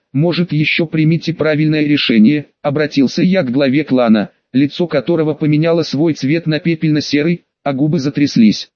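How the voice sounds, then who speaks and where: A man narrates an audiobook in a fairly high voice. The sound is dry and close, with a dull, muffled lo-fi quality. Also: dry recording.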